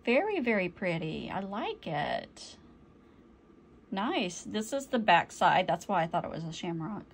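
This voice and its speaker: A woman's voice: fairly low pitch, wildly swooping pitch, a little slow, vocal fry, slight background noise. A woman chatting through an unboxing, easily delighted and often apologizing for slips. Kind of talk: casual unboxing chat.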